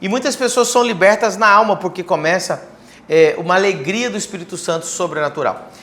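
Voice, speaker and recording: A man's voice: sits high, brisk, a bit bright. A man pastor on a church livestream, enthusiastically promoting an event and talking at length. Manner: enthusiastic promoter, talks a lot.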